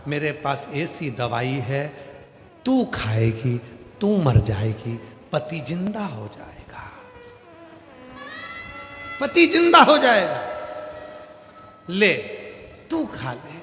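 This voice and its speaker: A man doing a stern, brisk holy guru. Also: medium pitch, big pitch swings. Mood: commanding. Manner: commanding, brisk. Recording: echoey hall, faint music.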